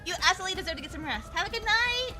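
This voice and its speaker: A woman's voice: very high voice, expressive, rapid-fire, music in the background. A woman VTuber with a cute, bubbly anime streamer voice, chatting sweetly and politely on a live game stream.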